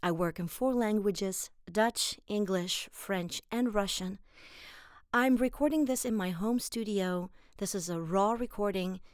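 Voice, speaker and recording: A woman voice actress and singer giving a clear, measured self-introduction as a microphone test, recorded on a studio condenser mic in her home studio. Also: medium pitch, no echo.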